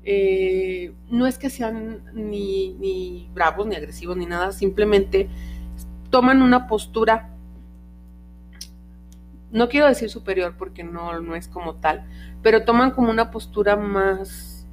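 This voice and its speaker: A woman's voice: mid-range voice, a little slow, soft background music. A woman hosting a casual podcast about dogs, often searching for words with fillers and restarts, recorded on a podcast microphone. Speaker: podcast host, dog trainer. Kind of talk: casual explanatory podcast talk.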